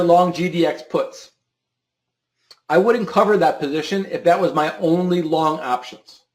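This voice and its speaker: Man thinking aloud in an echoey room. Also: fairly high pitch. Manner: repeats words and restarts often, thinking aloud. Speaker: options trading show host. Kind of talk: live trading stream talk.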